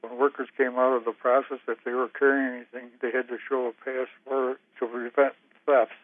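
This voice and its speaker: A man reading a memoir passage in a flat, even storytelling voice. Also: mid-range voice, a little fast, dry recording. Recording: tinny phone-like sound.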